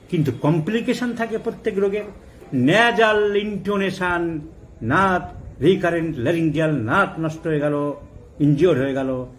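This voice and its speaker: Man, middle-aged, emphatic lecturer, raised pitch, faint background noise. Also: poor audio. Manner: emphatic, rising to high forceful stresses, mixing in English terms. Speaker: homeopathy lecturer. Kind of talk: lecture with anecdotes.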